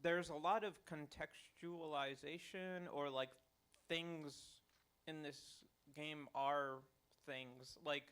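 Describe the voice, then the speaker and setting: A man in the audience asking a developer a halting question, full of likes and ums. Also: on the high side, fairly even intonation, fairly bright tone, clear, resonant tone.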